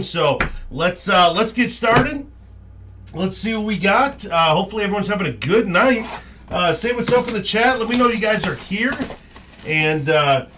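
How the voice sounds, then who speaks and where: Higher-voiced man hosting over clear noise. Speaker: card break host. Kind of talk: casual live-stream chat. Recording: clearly noisy, packs crinkling. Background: crinkling and clicking of card packs.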